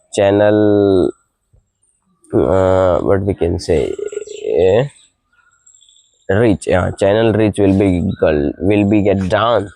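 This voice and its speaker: Out on a balcony with birds singing early in the morning, a young man who speaks an Indian language natively practices English in a relaxed vlog. A cold has deepened his voice, leaving it creaky and warm, and his speech stumbles along with fillers and little laughs. He uses a noise-cancelling mic, and there's no echo.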